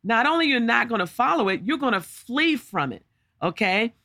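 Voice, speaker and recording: A woman's voice: fairly high pitch, big pitch swings, moderate pace, sharp tone, no echo, studio quality. A woman preaching a podcast sermon, emphatic and full of rhetorical questions and repeated words.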